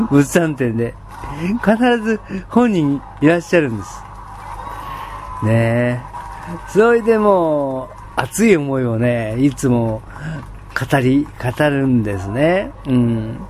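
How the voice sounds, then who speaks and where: A man's voice: mid-range voice, a little mellow, a little hiss or hum. A man chatting on his own in standard Japanese, enthusiastic, with many fillers and frequent laughs. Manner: enthusiastic storytelling. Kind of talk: casual solo chat.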